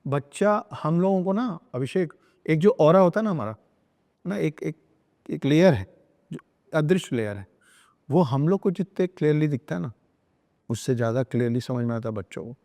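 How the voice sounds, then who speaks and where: A man's voice: a little high, expressive, moderate pace, long pauses, a little mellow. Emphatic man lecturing in a reverberant room. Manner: emphatic, lecturing, repeats phrases and slips into English. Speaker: podcast guest. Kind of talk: earnest podcast talk on spirituality and parenting.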